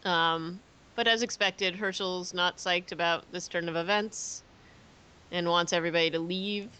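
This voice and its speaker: Female podcast co-host, slightly low bright voice, easy agreeable chat. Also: fairly even intonation, measured pace, clean tone. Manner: agreeable, brief backchannels and easy recaps. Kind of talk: casual chat.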